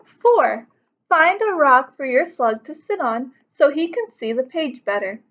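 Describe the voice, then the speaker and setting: This woman in her thirties, a teacher, reads a picture book aloud to young pupils from a living room couch, explaining it as she goes. Her high voice is very animated and fairly bright, at a measured pace. The audio is dull.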